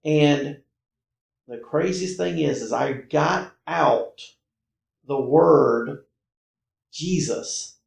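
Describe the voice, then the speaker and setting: Sitting with a host in person indoors, a North Carolina podcast guest relates his own paranormal encounters in casual storytelling. His slightly high voice is thick with gravelly fry, coming in halting, emphatic bursts as he repeats himself. The recording is roomy, with the space echoing around him.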